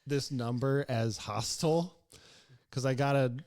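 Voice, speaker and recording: A man's voice: mid-range voice, unhurried, a little mellow. Profane, laughing male storyteller. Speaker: podcast co-host. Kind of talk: casual chat.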